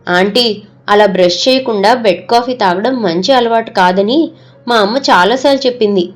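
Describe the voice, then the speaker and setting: A woman's voice: medium pitch, normal speed, soft background music, natural voice. A woman voicing a young schoolgirl who is grieving her late mother, speaking earnestly and plaintively.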